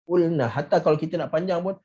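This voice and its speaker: A Malaysian man teaching Quran recitation rules in an online class, repeating sample words slowly and clearly for students. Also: a little high, animated, warm tone. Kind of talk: online tajwid lesson.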